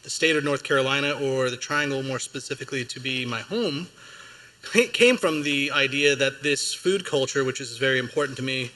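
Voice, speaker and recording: Bright casual man on a panel. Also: mid-range voice, moderate pace, low-quality recording. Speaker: chef on a panel. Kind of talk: panel talk. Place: museum event hall.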